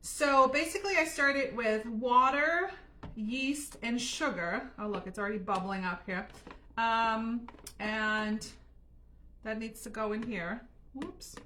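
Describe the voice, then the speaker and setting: A woman's voice: a little high, slow, pushed and bright, a little hiss or hum. A woman from Germany chatting through a live home baking session in her kitchen, laughing often and talking straight to viewers. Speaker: home cooking livestream host. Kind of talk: casual live cooking chat.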